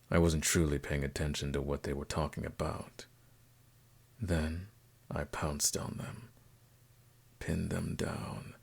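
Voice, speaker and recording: In an intimate ASMR roleplay, a man with a bass voice plays a suave, predatory aristocratic vampire in an exaggerated performance full of dark relish. He speaks formally and seductively, with teasing menace and breathy dips toward a whisper.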